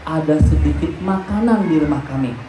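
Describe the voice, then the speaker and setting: A male preacher voicing a humble, earnest man who speaks in a low, hushed tone. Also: moderate pace, over music, lightly acted. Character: humble, earnest grown man, a host anxious about his meal. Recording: roomy hall with faint background noise.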